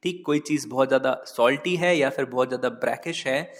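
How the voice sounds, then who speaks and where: A man's voice: mid-range voice, brisk, long reverb tail. A man teaching English vocabulary in Hindi, repeating and spelling words and often adding "ठीक". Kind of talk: casual Hindi vocabulary lesson.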